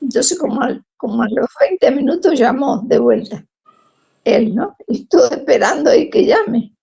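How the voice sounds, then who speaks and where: A woman's voice: high-pitched, moderate pace, gravelly, slightly rough, dull audio. A woman with a Rioplatense Spanish accent tells a personal testimony, acting out the voices of the people in her story. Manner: animated, acts out quoted speech.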